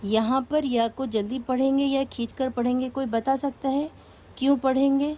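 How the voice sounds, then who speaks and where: A woman's voice: high-pitched, steady tone, dark tone. A woman teaching a recitation class, explaining each rule patiently step by step and asking her students questions.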